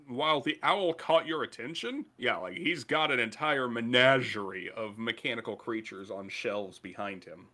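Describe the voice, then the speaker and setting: A man's voice: medium pitch, normal speed, hardly any pauses, pushed and bright. A man narrating a tabletop game as game master, casual and loose, with fillers and the odd swear.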